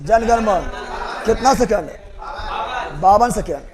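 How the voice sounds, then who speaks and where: A man with a bright, high voice teaches history in a classroom, speaking. He repeats each name and date several times and keeps quizzing his students. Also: animated, slow, a crowd in the background. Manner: drills facts by repetition, quizzes students.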